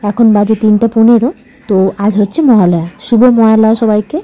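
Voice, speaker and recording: A young woman from West Bengal talking softly in a bedroom as she vlogs to her viewers. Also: a little high, steady tone, brisk. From West Bengal, India. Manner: talking softly so as not to wake others. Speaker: vlogger. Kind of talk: casual vlog narration to camera. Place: bedroom indoors.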